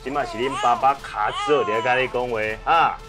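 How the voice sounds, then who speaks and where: A man's voice: medium pitch, steady tone, brisk, over music, lightly acted. An actor playing an earnest, awkward young father who coaxes and lectures his baby in a mock-stern way. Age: young adult. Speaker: new father. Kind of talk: TV drama acting.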